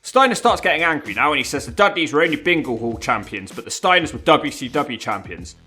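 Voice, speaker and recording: A man's voice: mid-range voice, big pitch swings, fairly quick, pushed and bright. A man narrating a scripted countdown commentary in a wry, informal and emphatic way. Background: background music.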